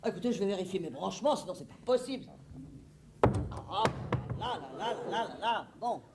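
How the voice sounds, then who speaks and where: A woman's voice: mid-range voice, expressive, brisk, very noisy, lightly acted. A woman playing a fussy, flustered stage hostess. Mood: fussing. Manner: theatrical, fussy, rambling, talks to the audience. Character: flustered middle-aged hostess Françoise Lumière. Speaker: stage actress. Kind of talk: stage comedy monologue. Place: theatre stage.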